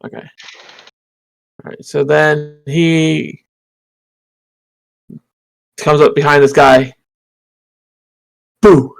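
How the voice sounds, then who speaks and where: Gravelly, higher-voiced man playing a game. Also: level tone, slow, pauses often, rough recording. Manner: eager, joking, checks the rules. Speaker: player. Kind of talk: casual game chat.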